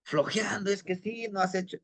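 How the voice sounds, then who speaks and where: A man's voice: high voice, little pitch movement, gravelly. A man voicing his own nagging inner voice, a restless alter ego that scolds him to get back to work. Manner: hurried, scolding.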